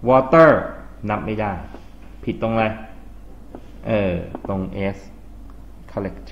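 A man's voice: lowish voice, animated, very slow. A man with a Thai accent teaching an English grammar lesson to a class, explaining step by step, spelling out words letter by letter and quizzing his students. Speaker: English tutor. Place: tutoring classroom. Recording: dull lo-fi classroom recording with faint hiss.

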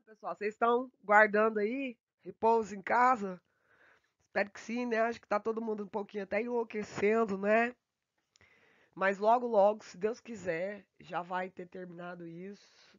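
A Brazilian woman with a medium-pitched, steady voice gives a remote English grammar lesson from home. She draws out her example sentences slowly and hurries through the quick asides in between. The home recording is dry, dull and slightly muffled.

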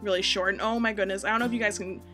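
A young American woman rambles casually over gameplay footage. She is self-deprecating and chatty, with a middle-pitched voice and music playing behind her. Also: steady tone, rapid-fire, pushed and bright. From United States. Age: young adult. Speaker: gaming YouTuber.

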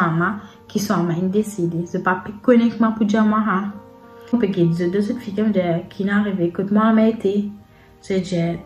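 A woman with a Mauritian Creole accent telling a personal story in a casual storytime vlog, in halting, repetitive phrases with many pauses. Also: medium pitch, a little mellow. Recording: roomy echo with faint background music. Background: faint sad music.

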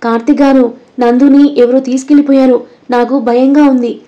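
A woman's voice: sits high, flat delivery, moderate pace, dull audio, natural voice. A woman voicing a frightened yet defiant young married woman in a storybook drama, pleading and tearful.

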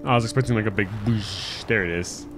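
A man hosting a let's play with playful, animated, casual gaming commentary. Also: on the low side, a little fast, over music.

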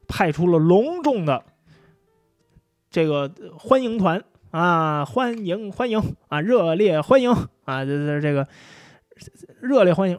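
High-voiced chatty male storyteller. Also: no echo, clean studio sound. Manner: chatty, many fillers and drawn-out particles. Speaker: history storyteller. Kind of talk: casual history storytelling.

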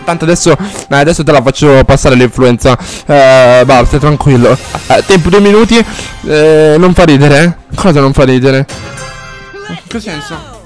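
A man streaming a game live, chatting casually and swearing freely at his viewers, with loud exaggerated outbursts. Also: a little high, normal speed, faint music behind. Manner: rambling and profane, chatting to viewers.

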